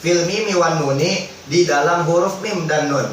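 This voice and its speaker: A man teaching Quran recitation rules in a religious study lesson, explaining in relaxed everyday speech and chanting drawn-out recited examples. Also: on the high side. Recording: echoey hall, distant mic, faint background noise.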